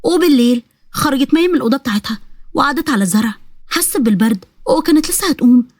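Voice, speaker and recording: A woman with an Egyptian accent narrating a family story in a brisk, lively way. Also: sits high, no room sound, studio quality. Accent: Egyptian Arabic.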